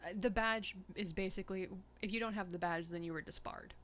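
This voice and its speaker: A woman's voice: mid-range voice, fairly even intonation, brisk, a bit bright. Chatty, playful woman streamer. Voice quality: laughs often, playful and chatty. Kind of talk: casual gameplay chat.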